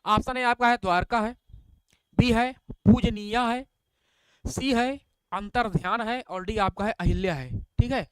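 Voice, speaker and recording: Brief: male teacher, live online class, high clear voice, repeats questions back to viewers, dry close mic. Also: moderate pace, fairly bright tone, no room sound. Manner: repetitive questioning, addresses viewers as bhaiya; reads out answer options, praises viewers by name. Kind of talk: live online exam-prep lesson.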